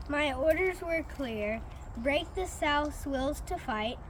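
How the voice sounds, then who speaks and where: Young woman doing a stern general, blunt clipped lines, high voice, faint hiss behind. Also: animated, slow pace. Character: stern male Union general defending harsh war. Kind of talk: student history skit.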